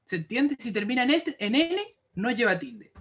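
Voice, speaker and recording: Casting: male teacher, high-pitched voice, patient, repeats rules, online class. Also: very animated, moderate pace, a bit bright, husky. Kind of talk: explaining grammar rules to a class. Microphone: computer mic for an online class.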